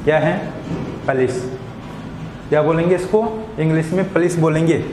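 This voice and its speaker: A man's voice: on the high side, steady tone, quick pace, echoey room, big-room sound, background noise. A man teaching an English lesson, asking questions and answering them himself, often checking "got it?". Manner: repeats questions and answers them himself, frequent "samajh gaye". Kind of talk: classroom lesson explaining English to Hindi speakers. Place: school classroom.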